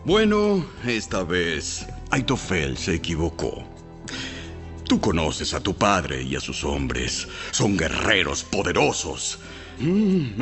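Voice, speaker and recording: An actor playing a shrewd, persuasive male royal counselor in an audio Bible drama, speaking with theatrical, deliberate emphasis. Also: lowish voice, creaky, a bit bright, full character voice. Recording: music behind.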